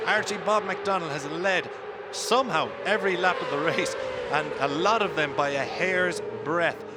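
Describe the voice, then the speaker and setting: A man giving live motorcycle race commentary as a motorsport commentator, with an animated, emphatic delivery. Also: fairly high pitch, moderate pace. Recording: clear vehicle noise throughout.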